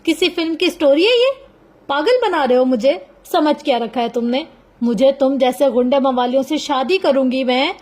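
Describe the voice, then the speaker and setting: Storybook heroine: proud defiant young woman, sharp and emphatic, read by a woman, high voice. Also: normal speed, lightly acted.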